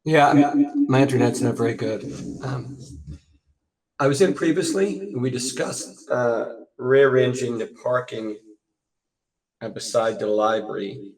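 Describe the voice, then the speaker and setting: A man's voice: mid-range voice, unhurried, poor audio. A man presenting remotely to a town board over an internet call that keeps breaking up, speaking earnestly with frequent hesitations. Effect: choppy internet call audio breaking up. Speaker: housing nonprofit representative.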